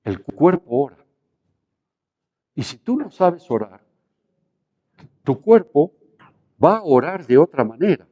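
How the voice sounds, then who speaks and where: A middle-aged man, a pastor, preaching a sermon in an animated way that drops to a hush and then rises again. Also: on the high side, slow, long pauses, narrow, tinny audio. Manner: animated preaching that shifts between hushed and raised.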